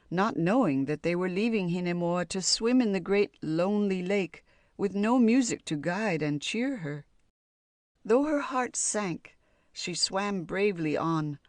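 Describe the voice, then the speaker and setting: Slow, calm woman reading a fairy tale. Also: on the low side, dry recording, studio quality. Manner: calm, measured, storybook reading. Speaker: audiobook narrator. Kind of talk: scripted fairy tale narration.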